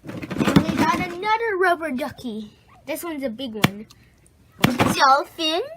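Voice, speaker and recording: A woman's voice: high-pitched, very animated, moderate pace, heavy background noise. A woman narrating her bath toy play for kids in a playful, casual way, making little bloop and quack sounds. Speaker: toy video host.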